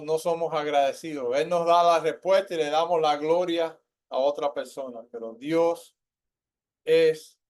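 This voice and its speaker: A man preaching a sermon in church who keeps asking the congregation questions and rises in pitch and volume to stress his points. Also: darkish tone. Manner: asks the congregation questions, tags lines with ¿verdad?.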